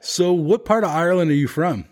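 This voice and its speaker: A man's voice: fairly high pitch, fairly quick, darkish tone, a little hiss or hum. A man hosting a podcast in an upbeat, informal way, asking casual questions. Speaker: podcast host. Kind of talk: casual interviewing.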